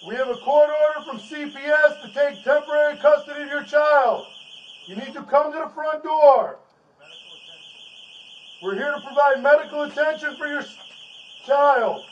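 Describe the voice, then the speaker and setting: A police officer, a man, shouting repeated loud commands through a megaphone. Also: extremely high pitch, normal speed, long pauses, recorded from a distance, dull audio.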